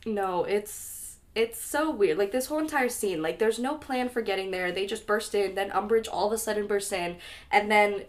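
Young woman cohosting a podcast, lively and chatty, mid pitch, swears and laughs a lot. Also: normal speed. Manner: animated, swears casually, laughs often. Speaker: podcast co-host. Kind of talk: casual podcast chat.

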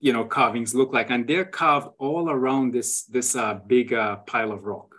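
A man's voice: mid-range voice, normal speed, a bit bright, husky. A man, the guest on a talk show, explains what he found on his travels, often ending points with a tag question and restarting his phrases. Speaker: guest sharing travel photos. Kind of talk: conversational explanation.

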